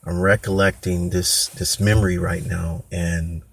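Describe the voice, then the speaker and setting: A man's voice: deep voice, level tone, measured pace, vocal fry, breathy edge. A man hosting a podcast, telling a candid personal story in a rambling way, often acting out what people said. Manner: rambling, candid, with restarts and quoted voices. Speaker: podcast host.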